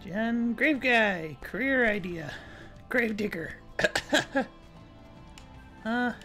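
A woman's voice: a little high, expressive, extremely slow, sharp tone, soft background music. A woman hosting a let's play, chatting casually and reading dialogue aloud with frequent giggles. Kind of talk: casual gameplay commentary.

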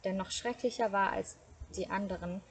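A woman reads a fairy tale aloud for an evening session. Her voice sits at a middle pitch, and her delivery is calm and steady, with the occasional small self-correction. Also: normal speed, a little hiss or hum.

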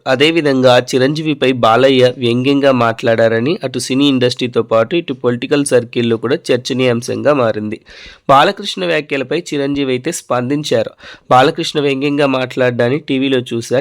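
A man hosts a news channel and reads the stories in a brisk, steady news-reader style. His pitch sits in the middle range for a man. Now and then he slips into loose, offhand asides between the items. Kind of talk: news narration.

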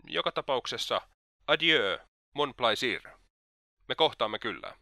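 A man's voice: mid-range voice, animated, pushed and bright, dry recording, pitched above the performer's own voice. A man voicing Svidrigailov, a sly, mocking old libertine who is slightly drunk.

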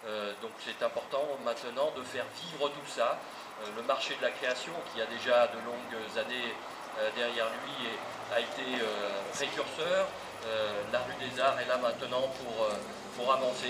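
A man giving a semi-improvised public address as a local official, halting often between phrases. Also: medium pitch. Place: open town square outdoors. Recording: distant, echoey, noisy outdoor recording.

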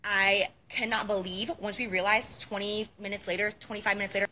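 A woman's voice: medium pitch, flat delivery, fairly quick, sharp tone, a little hiss or hum. A young woman giving a rambling, emotional apology in a self-recorded vlog outdoors, repeating herself often. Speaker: beauty vlogger. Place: outdoors at night with mosquitoes.

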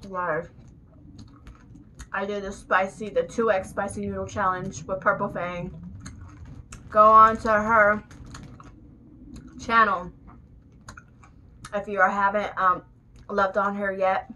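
Bright-voiced woman chatting while eating. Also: mid-range voice, little pitch movement, slow, long pauses, poor audio. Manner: chatty, talks while chewing. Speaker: vlogger. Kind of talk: casual eating vlog chat. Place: her bedroom at home.

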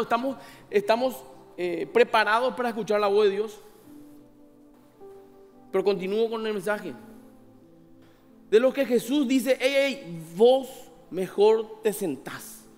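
A man's voice: very high voice, fairly bright tone, long reverb tail. A man, a pastor preaching a sermon in a conversational way, asking the congregation questions and acting out little scenes of dialogue. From Paraguay. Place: church hall.

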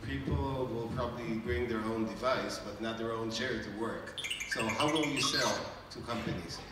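A man's voice: medium pitch, moderate pace, noisy background. Pressing male judge, far and echoey. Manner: pressing, interrupts. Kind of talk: questioning a pitch.

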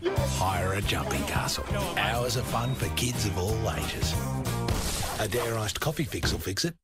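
A wry commercial announcer reads a scripted ad. His low voice moves around a lot, over loud music. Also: expressive, measured pace.

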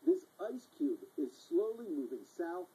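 A man reporting on location outdoors, chatty and excitable. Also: high voice, unhurried, slightly rough, low-quality recording. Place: outdoors in the Alps.

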